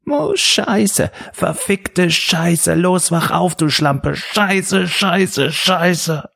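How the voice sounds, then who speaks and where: A young male student in a frantic panic, his voice pushed up high, shrill and cracking as he swears, put on by a man reading. Husky edges under the strain, recorded dry and close. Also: drawn-out words, fairly bright tone, dry recording, full character voice. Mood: panicked, frantic.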